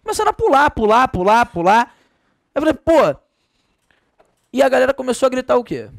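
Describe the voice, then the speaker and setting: Brazilian male grammar teacher, slangy and playful, high voice, dry sound. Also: fast, creaky, no room sound. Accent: Brazilian Portuguese. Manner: animated, slangy, jokey storytelling. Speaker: Portuguese teacher. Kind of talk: exam-prep grammar lesson.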